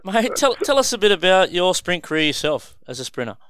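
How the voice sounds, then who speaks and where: Very clear-voiced, matey Australian radio host, male. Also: sits high, very animated, fairly quick, fairly bright tone, no echo. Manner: matey, colloquial. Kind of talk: casual sports radio interview. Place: radio studio.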